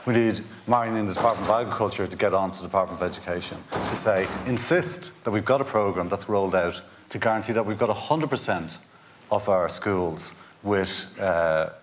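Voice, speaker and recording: A man's voice: fairly low pitch, brisk, a little hiss or hum. A man, arguing urgently and insistently on a conference panel. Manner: urgent, insistent, stumbles on restarts. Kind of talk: panel discussion. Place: indoor conference stage.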